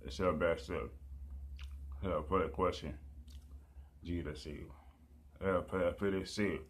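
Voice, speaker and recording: A man preaching and praying in a rambling, halting way, repeating pleas over and over with many fillers. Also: low voice, fairly even intonation.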